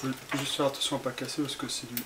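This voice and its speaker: A man's voice: medium pitch, little pitch movement, rapid-fire. A man giving a casual how-to demonstration, talking through each step with many fillers and restarts while he works with his hands. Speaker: tutorial presenter. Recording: faint hiss, home camera audio.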